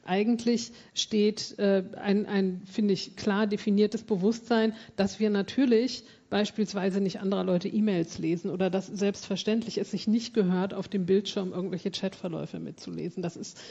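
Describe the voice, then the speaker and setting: A woman's voice: mid-range voice, steady tone, moderate pace, vocal fry, hardly any pauses, mellow, husky. A woman panel guest thinking aloud in a reflective way. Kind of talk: panel discussion. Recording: dull lo-fi conference audio.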